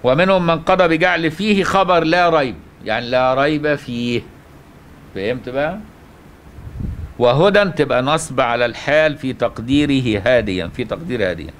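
Egyptian male Quran teacher, mid-pitched voice, questions the class and answers himself. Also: brisk, a bit bright, a little hiss or hum. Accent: Egyptian Arabic. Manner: asks the listener rhetorical questions and answers them. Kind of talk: religious lesson.

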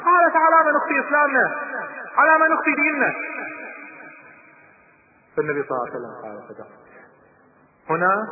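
A man telling a story as a preacher in a sermon, dramatic and rising to loud cries at the high points. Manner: dramatic, voices rise to shouts at climaxes. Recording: phone-line sound, reverberant hall, noise.

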